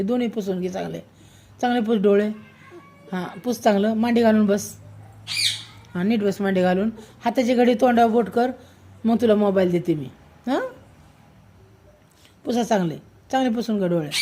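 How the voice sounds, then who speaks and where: A high-voiced mother scolds her child at home, firm and insistent as she keeps repeating the same questions. The recording carries a clear layer of background noise. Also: dark tone.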